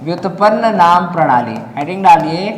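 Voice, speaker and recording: Man, Chhattisgarh accent, chemistry teacher, high voice, asks and answers his own questions, roomy classroom echo. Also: lively intonation, moderate pace. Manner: asks students questions, then answers them himself. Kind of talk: classroom lecture. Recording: echoey classroom with long reverb.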